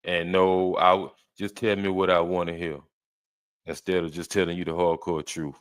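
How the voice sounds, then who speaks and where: A man with a low, deep voice runs a reaction show. He argues back at each clip in a blunt, heated tone. The sound is dry and close. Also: little pitch movement, moderate pace, clean tone, no echo. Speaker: reaction host. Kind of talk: reaction commentary.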